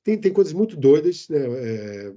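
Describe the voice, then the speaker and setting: An older Brazilian man with a Brazilian Portuguese accent, a podcast guest who tells stories in a lively way, with frequent restarts and fillers. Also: a little high, moderate pace. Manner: animated storyteller, many restarts and fillers. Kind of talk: casual interview chat. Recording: dull lo-fi remote podcast audio.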